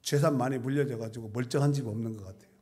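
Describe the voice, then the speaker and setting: A man's voice: medium pitch, rapid-fire, dark tone. A middle-aged man, a pastor, preaching a sermon in a church, telling stories conversationally and reading scripture with rising emphasis. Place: church sanctuary.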